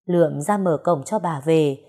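A woman with a lowish voice narrates a village tale in an expressive, folksy way. She reads the story aloud, giving the lines a lively spoken color. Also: moderate pace.

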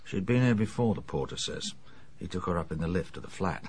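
An actor playing a middle-aged English police inspector, dry, sardonic and matter-of-fact in a radio drama. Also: male voice, deep voice, expressive, fairly quick, slight background noise. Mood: briskly reporting.

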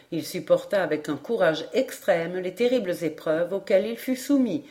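A woman voicing an excitable learned geographer who explains things emphatically in an audiobook reading. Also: medium pitch, close to an everyday voice. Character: excitable, learned French geographer, middle-aged man.

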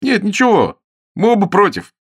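A man doing a jealous young gentleman. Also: high-pitched, huge pitch swings, normal speed, breathy edge, no echo, clean studio sound, voice pushed up, heavily acted. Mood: eager. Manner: blustering, sulky.

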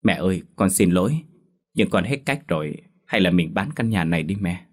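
A man's voice: low-pitched, animated, moderate pace. A man voicing a desperate young woman in debt, pleading and tearful with her mother, in a Vietnamese audio story.

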